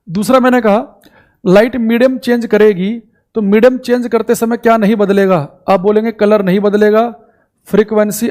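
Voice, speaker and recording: A man teaching a live online class with a high-pitched voice. He speaks informally, calling his students brother, and spells out definitions slowly so they can copy them. He drifts into exasperation over students' audio complaints. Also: darkish tone. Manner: addresses students as bhai, repeats key points slowly for dictation.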